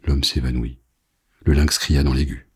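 A man reading a novel aloud as an audiobook narrator, in a grave, measured way. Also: rumbling low, level tone, a little mellow, breathy edge.

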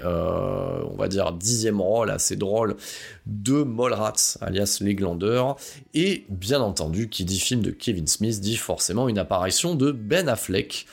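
A man's voice: lowish voice, vocal fry. A man hosting a casual film review podcast, rambling with many hesitations and wry asides. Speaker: podcast host.

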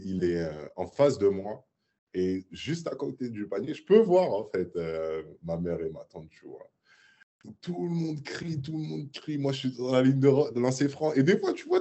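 A young man in his twenties tells his story as a guest in a casual interview, with a low pitch and a husky, slightly breathy voice. He lets it run loose, with plenty of fillers and punchy little sound effects. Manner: lively retelling with sound effects and many fillers. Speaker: guest basketball player.

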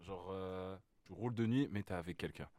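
A man with a low voice joins a casual chat in brief, informal remarks. Other voices are clearly audible behind him. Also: moderate pace, crowd noise. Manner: short informal interjections.

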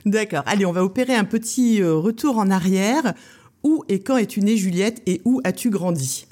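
A woman hosts a podcast interview and asks friendly questions. She often gives short acknowledgements to her guest. Her voice is warm and mellow, at a middle pitch. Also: normal speed. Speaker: podcast host. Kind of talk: interview, partly scripted intro. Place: small shop, behind the till.

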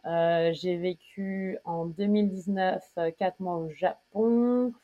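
A woman in her thirties from France chats through an interview on a dull, lo-fi recording. Her voice sits a little low. She hesitates often and breaks into laughter. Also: slow pace, mellow. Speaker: interview guest. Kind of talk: casual conversational interview. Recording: dull lo-fi sound.

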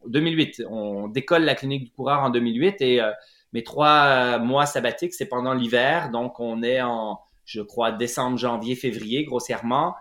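A middle-aged man with a Quebec French accent tells his story as an interview guest. His voice sits at a mid pitch, and he hesitates often, restarting phrases and filling pauses. The room around him sounds roomy and echoey. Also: fairly bright tone. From Quebec, Lac-Saint-Jean. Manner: hesitant, many fillers and restarts. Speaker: guest, running clinic founder.

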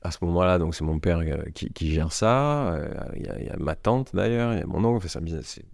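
A man's voice: deep voice, lively intonation, fast talker, creaky, a little mellow, no room sound, studio quality. A man in his forties with a Marseille accent, a guest telling his story in a casual interview and restarting his sentences often. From Marseille, France. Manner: rambling storytelling with many restarts. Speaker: guest entrepreneur.

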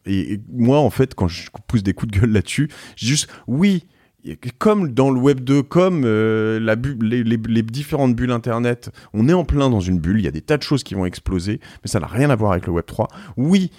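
A man's voice: mid-range voice, a little mellow, dry recording, clean studio sound. A man, an interview guest explaining things in an informal, emphatic way. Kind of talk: casual explanatory interview talk.

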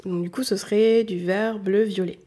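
A woman's voice: mid-range voice, fairly even intonation, normal speed, warm tone. A woman from southern France with a faint southern French accent, patiently explaining a lesson directly to the listener and repeating her key points. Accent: southern French, mostly hidden. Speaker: colour analysis consultant. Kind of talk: explanatory talk to the viewer.

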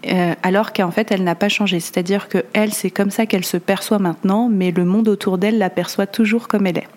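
A woman's voice: medium pitch, fairly even intonation, fairly quick, a little mellow. A woman hosting a solo podcast episode, talking casually with many fillers and restarts. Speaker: podcast host.

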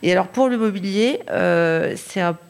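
Hesitant, lower-voiced Frenchwoman designer. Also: moderate pace, vocal fry, clear, resonant tone. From Paris, France. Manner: hesitant, many fillers and restarts. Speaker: lighting designer, guest. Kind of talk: podcast interview.

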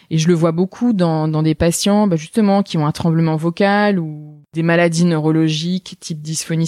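A woman's voice: fairly low pitch, a little mellow, no room sound, clean studio sound. A woman speech therapist answering interview questions in a thoughtful, explanatory way.

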